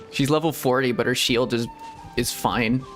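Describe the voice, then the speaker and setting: This male VTuber, mid-range and a bit bright in voice, gives casual stream commentary while playing a video game. He rambles, chats, and laughs often as quiet game music plays behind him.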